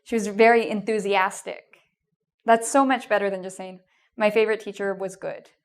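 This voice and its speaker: A Canadian-accented woman teaches an English exam lesson by video, giving tips in a medium-pitched voice with fairly even intonation and a moderate pace. She's encouraging and reassuring, and often says "um" and "okay?"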